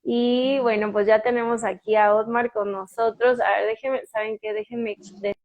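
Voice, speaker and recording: Speaking with a Mexican Spanish accent, a woman hosts a casual live stream while waiting for her guest, chatty and full of fillers and restarts. Her voice sits on the high side with little pitch movement, she talks at a normal speed, and the sound is phone quality.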